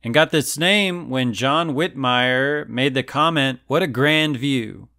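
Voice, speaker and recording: A man, a musician, narrating a casual travel vlog in a relaxed, plain-spoken way. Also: medium pitch, smooth, dry recording. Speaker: musician vlogger. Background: soft country guitar music.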